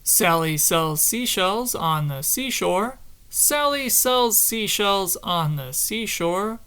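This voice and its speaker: A man giving a casual camera review, reading a test phrase over and over in a measured way, in an ordinary room with a window. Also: high-pitched, lively intonation, pushed and bright, smooth.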